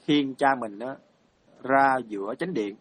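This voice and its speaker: A man's voice: medium pitch, measured pace. A male Buddhist monk, telling a story in a dharma talk, hesitant with many fillers and repeated words.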